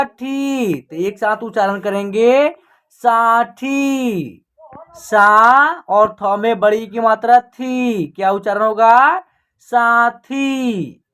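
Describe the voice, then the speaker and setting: A woman teaching children to read, sounding out words slowly syllable by syllable and explaining quickly in between. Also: fairly high pitch. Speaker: Hindi reading teacher. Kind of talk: online reading lesson.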